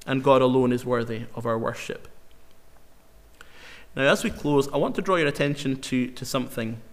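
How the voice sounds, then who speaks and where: A man preaching a sermon in an earnest, emphatic way, slowing down to repeat key phrases for weight. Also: medium pitch. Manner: earnest, emphatic, with slow dramatic repetitions. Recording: long hall reverb.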